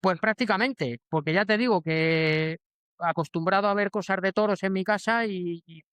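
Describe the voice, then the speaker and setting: A man's voice: high-pitched, moderate pace, fairly bright tone, smooth, no room sound. A Spanish man in his forties, a guest in a casual interview, answering in a hesitant way with many restarts and fillers. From Spain. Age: 40s. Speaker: bullfighter guest.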